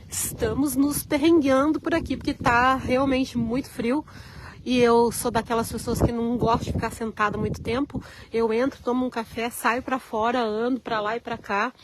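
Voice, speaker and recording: A woman's voice: on the high side, a little hiss or hum, rough recording. Chatty Carioca woman vlogging in the snow. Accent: Carioca Brazilian Portuguese. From Rio de Janeiro, Brazil. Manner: chatty, greets viewers by name, walks around while talking. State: cold, chilled hands. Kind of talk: live-stream chat outdoors, reading viewer comments. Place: outdoors at a snowy RV park.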